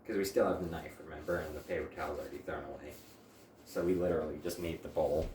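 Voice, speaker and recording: A home cook hosting his own channel talks casually to the camera while cooking in his kitchen, rambling with wry little asides. His extremely low voice stays steady and fast, and background noise can be heard.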